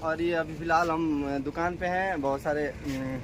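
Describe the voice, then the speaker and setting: Male vlogger, Bhojpuri accent, high-pitched voice, chatty and repetitive, casual talk over noisy street ambience. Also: fairly even intonation, unhurried. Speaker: vlogger and shopkeeper. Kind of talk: casual vlog chat to camera. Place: at a shop in a market.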